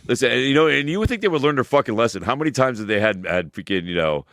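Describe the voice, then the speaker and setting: A man's voice: expressive, racing, fairly bright tone, no room sound, clean studio sound. A man, co-hosting a casual podcast chat and speaking emphatically, with heavy swearing and a preachy tone. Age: 40s. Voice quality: deep voice. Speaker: podcast co-host.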